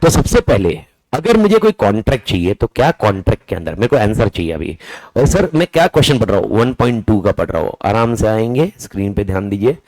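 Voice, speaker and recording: A man in his own voice teaching a class with an animated delivery, his pitch swinging widely from phrase to phrase. The sound is dry and close, with no room echo. He often throws questions at the class and answers them himself, drumming in key words. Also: quick pace. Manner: casual, calls students "boss" and "brother". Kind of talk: lively classroom lecture.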